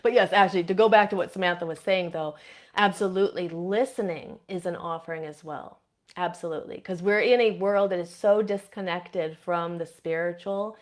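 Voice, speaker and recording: A woman's voice: lowish voice, brisk. Chatty woman host, Midwestern-Boston accent. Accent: Midwestern with a Boston influence. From Indiana. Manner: chatty, warm, reads out viewer comments, many fillers. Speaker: podcast host. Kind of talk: casual live-stream chat answering comments.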